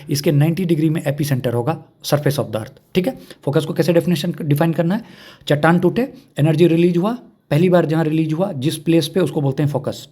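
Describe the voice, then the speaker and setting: Mellow-voiced male exam-prep teacher. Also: a little high. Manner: repeats key points, checks understanding with questions.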